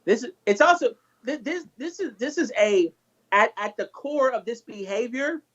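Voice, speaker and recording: A man's voice: extremely high pitch, expressive, normal speed, a bit bright, slightly rough. A man co-hosting a casual livestream, blunt and ranting, swearing freely. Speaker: co-host. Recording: dull lo-fi audio.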